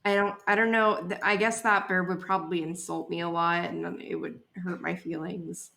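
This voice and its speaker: A woman's voice: on the low side, little pitch movement, normal speed, vocal fry, pushed and bright. A woman chatting casually as a player in a tabletop game. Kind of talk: casual chat.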